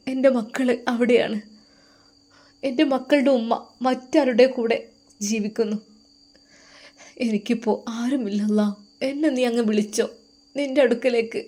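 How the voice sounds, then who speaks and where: A woman's voice: fairly high pitch, dark tone, lightly acted. Woman as a heartbroken young husband, tearful pleading prayer, storybook tone. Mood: despairing.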